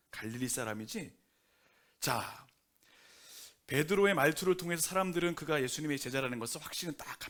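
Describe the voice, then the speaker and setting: A man delivering a Sunday sermon from the pulpit, his voice pitched a little above the usual for men. He preaches in a lively, conversational way, acting out quotes and asking the congregation questions. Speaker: pastor. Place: church sanctuary.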